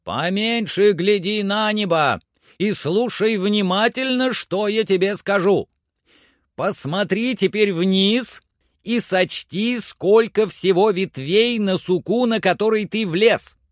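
A man voicing an excitable middle-aged gentleman who shouts urgent orders in an audiobook. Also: high-pitched, slow, dry recording, studio quality, voice pushed up. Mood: urgent, commanding. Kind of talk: audiobook character voice.

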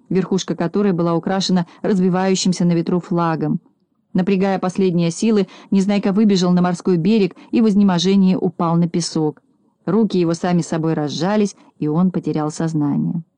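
Brief: woman narrator, storybook reading, mellow low-bright voice, dry close sound. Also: no room sound. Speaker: audiobook narrator.

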